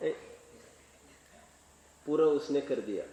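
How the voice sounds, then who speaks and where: Slow, echoey male preacher in a hall. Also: mid-range voice, far from the mic. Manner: slow, expressive storytelling with rhetorical questions. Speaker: Jain preacher. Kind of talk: sermon.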